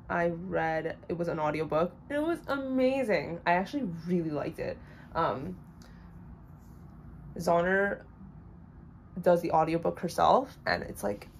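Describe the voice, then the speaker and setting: Gravelly-voiced young woman rambling casually. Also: on the low side, slight background noise. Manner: blunt, rambling book opinions full of fillers. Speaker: book vlogger. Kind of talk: casual chat.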